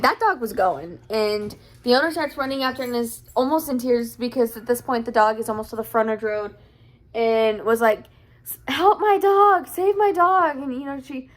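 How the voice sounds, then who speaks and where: A woman's voice: on the high side, brisk. A young woman vlogging at home, telling a story casually with lots of fillers and giggles.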